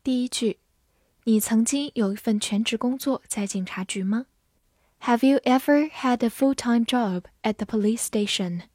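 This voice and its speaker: A woman teaching English vocabulary in a scripted lesson. She says each English word twice, clearly, then explains it. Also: fairly high pitch, moderate pace, a little mellow, dry recording, studio quality.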